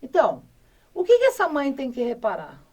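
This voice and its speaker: Middle-aged brazilian woman, doctor, firm and emphatic advice, fairly high voice, a bit distant from the mic. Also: huge pitch swings, moderate pace, darkish tone. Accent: Brazilian Portuguese. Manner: firm, emphatic, addresses listeners directly. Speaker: doctor giving parenting advice. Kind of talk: casual advice talk.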